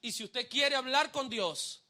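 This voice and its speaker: Bright high-voiced preaching pastor. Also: male voice, measured pace. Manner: calls on the congregation to repeat phrases, then shouts refrains; dramatic swings between hushed asides and loud emphasis. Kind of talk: live sermon. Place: church service before a congregation.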